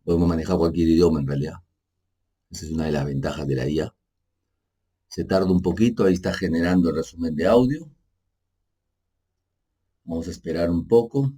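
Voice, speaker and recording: A man with a deep, low voice that is dark, mellow, and edged with breathiness gives an unscripted screen-share software tutorial. He is an energy manager whose first language is Spanish. Unhurried and casual, he explains as he works, halting to correct himself and frequently using "pues" and tag questions like "¿no?"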